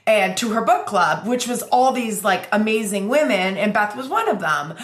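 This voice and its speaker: A woman's voice: medium pitch, expressive, moderate pace, fairly bright tone. Chatty upbeat woman podcast host, roomy sound. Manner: chatty and upbeat, rambling with restarts. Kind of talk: casual podcast chat. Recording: roomy echo.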